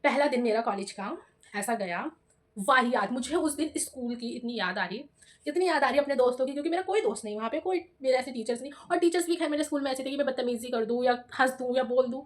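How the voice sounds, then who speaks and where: A young adult woman vlogger telling a personal story in a chatty, animated way, often calling her viewers "bhai". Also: sits high, quick pace. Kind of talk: casual storytelling vlog.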